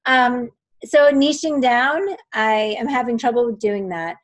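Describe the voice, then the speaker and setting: Middle-aged woman, slightly high pitch, hesitant client asking for advice. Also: unhurried. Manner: hesitant, unsure. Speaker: coaching client. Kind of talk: casual chat.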